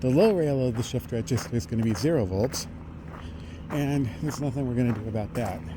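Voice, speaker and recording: A middle-aged man thinks aloud in a halting technical monologue while walking outdoors along a road. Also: mid-range voice. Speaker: vlogger. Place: outdoors on a residential roadside. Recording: outdoor street noise, passing vehicles.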